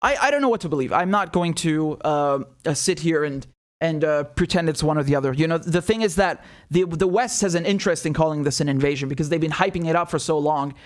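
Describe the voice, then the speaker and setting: A man giving casual, unscripted live news commentary in a rambling, halting way that drifts into tangents. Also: a little high.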